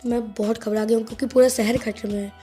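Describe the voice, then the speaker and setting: A woman's voice: on the high side, little pitch movement, fast talker, mellow, husky, soft background music. A woman voicing an anxious schoolboy in a storybook telling, speaking urgently and pleadingly. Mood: worried. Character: anxious schoolboy, jittery and insistent.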